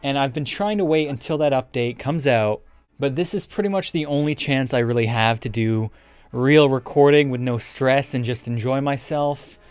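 A man's voice: medium pitch, normal speed, a little mellow, clean tone, no room sound. A young man giving casual, rambling let's play commentary with frequent swearing, as a gaming YouTuber. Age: young adult. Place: indoor room with webcam setup. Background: game music.

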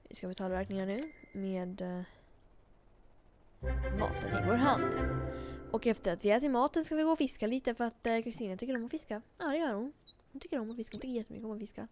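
A talkative woman narrating her game session in a loose, casual way. Her voice sits a little high, and she laughs easily while she cheers on and scolds the character she controls. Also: darkish tone, soft background music. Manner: chatty, giggly, talks to the game character. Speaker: let's play host. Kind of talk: casual gameplay commentary.

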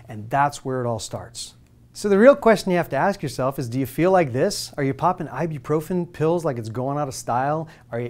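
Here the hormone therapy presenter, a man in his forties, has a slightly mellow voice that leans high. In a studio with a plain light backdrop, he gives a persuasive scripted talk to camera, asking viewers pointed questions, recorded on a lapel mic.

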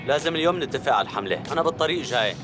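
A man's voice: on the high side, expressive, racing, close to an everyday voice. An actor playing a curt, composed male company boss in a dubbed TV drama, with a Syrian Levantine accent. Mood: commanding. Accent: Levantine Arabic, Syrian. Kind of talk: dubbed television drama dialogue. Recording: loud music behind the voice.

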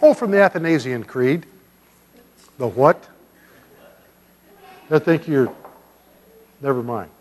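An older man, a pastor giving a children's sermon in a church sanctuary, gently and playfully asking the kids questions. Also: medium pitch, animated, takes it slowly, long pauses. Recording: long church reverb.

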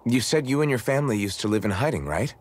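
Alphen, a man voicing a husky young swordsman. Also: medium pitch, expressive, quick pace, close to an everyday voice. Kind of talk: video game voice acting.

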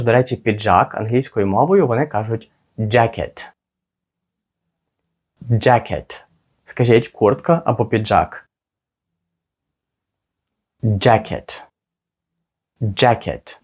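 A man teaching a spoken English lesson, modelling phrases slowly and carefully for listeners to repeat. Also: medium pitch, husky.

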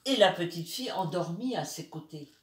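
A woman storyteller reading a bedtime story aloud to children, slow and expressive, with asides to her young listeners. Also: on the low side. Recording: roomy, distant from the mic.

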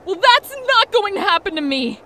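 A woman's voice: extremely high pitch, sing-song, moderate pace, bright, forceful tone, a little hiss or hum, heavily acted. A woman voicing Mary Jane, a fiery but guarded young woman, telling her story in a heartfelt, confessional way in a comic dub. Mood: angry. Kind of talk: comic dub narration and dialogue.

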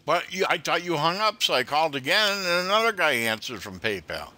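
A man's voice: fairly high pitch, big pitch swings, fairly quick, bright, forceful tone, no room sound. A man making a casual prank phone call as the caller.

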